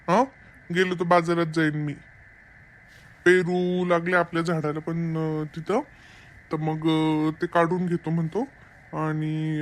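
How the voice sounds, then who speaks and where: A woman plays a dismissive village husband. He speaks low and gruff, in clipped, level phrases that brush the matter off. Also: lightly acted. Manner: curt, offhand.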